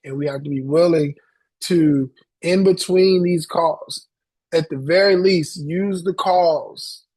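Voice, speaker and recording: A man hosting a coaching call, giving motivational talk in a halting way, repeating words and getting choked up. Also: on the high side, darkish tone, dry recording.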